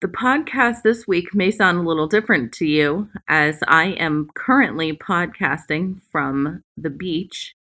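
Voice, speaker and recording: A woman hosting a personal, reflective podcast monologue, speaking deliberately in short phrases with pauses, recorded at the beach on makeshift equipment. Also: lowish voice, fairly bright tone. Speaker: podcast host. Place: at the beach, away from usual studio. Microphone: makeshift, not usual podcast equipment.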